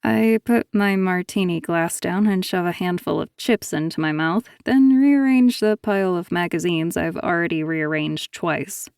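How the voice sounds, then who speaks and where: A woman narrating a first-person thriller audiobook in a measured, even way. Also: fairly low pitch, clean tone, no echo, studio quality.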